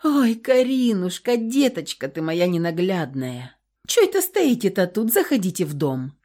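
A woman's voice: on the low side, very animated, normal speed, mellow. A woman reading an audiobook, voicing a kindly old grandmother who talks in a folksy, fussing way. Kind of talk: audiobook character voice.

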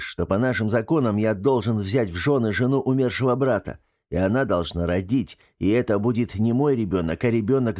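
A man's voice: on the low side, darkish tone, lightly acted. A man voicing a short, superstitious and grumpy gremlin man in an audiobook, whiny and indignant.

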